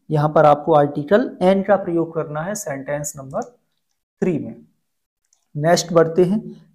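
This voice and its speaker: A woman's voice: on the low side, a little mellow. A woman with a Hindi accent teaching an English grammar lesson, explaining step by step and asking questions back to the learner. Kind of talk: classroom-style grammar lesson.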